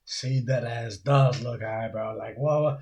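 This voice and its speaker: A man's voice: mid-range voice, measured pace, darkish tone, breathy edge. A young man giving casual, slangy reaction commentary in disbelief, blunt and mocking, often repeating himself. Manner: blunt, mocking, repetitive phrasing.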